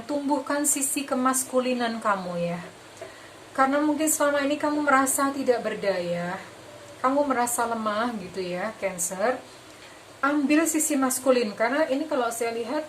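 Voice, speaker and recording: Gentle reassuring woman reading tarot. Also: fairly high pitch, a little hiss or hum, rough recording. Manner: gentle, reassuring, repeats phrases, mixes in English. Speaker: tarot reader. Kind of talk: tarot reading monologue to camera.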